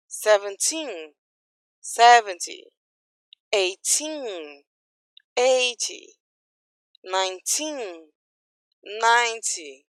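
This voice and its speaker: A woman teacher with a Brazilian accent, leading a recorded lesson and drilling words slowly for students to repeat. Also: fairly high pitch, fairly bright tone, dry recording. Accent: Brazilian Portuguese. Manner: slow, clear drilling with repeat-after-me prompts. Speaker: English teacher. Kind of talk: recorded online English lesson. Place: home, recorded during quarantine.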